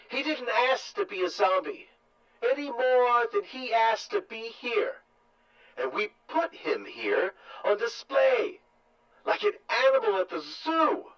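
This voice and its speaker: Small pleading boy, put on by a male narrator, high, unhurried, dull lo-fi sound. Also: full character voice. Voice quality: high and soft. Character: small earnest boy pleading through a speaker.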